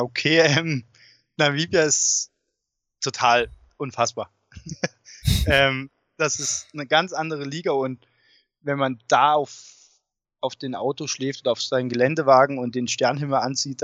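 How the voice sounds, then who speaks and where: A man talks casually and with enthusiasm as an interview guest. His pitch is average. The recording is a little dull and muffled. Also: fairly bright tone. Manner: enthusiastic, informal. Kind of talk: casual chat. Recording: dull, muffled sound with room echo.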